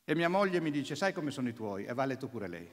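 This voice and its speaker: A man's voice: mid-range voice, sing-song, fast. A male Italian preacher giving a sermon, telling a personal testimony and acting out family dialogue. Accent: Italian, Neapolitan region. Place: church. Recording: church hall reverb.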